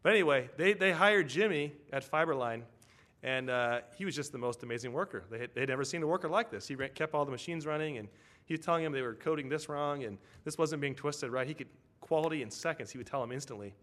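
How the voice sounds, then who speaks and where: A man's voice: a little high, quick pace, fairly bright tone. A man preaching a conversational sermon, telling a story and asking his congregation tag questions.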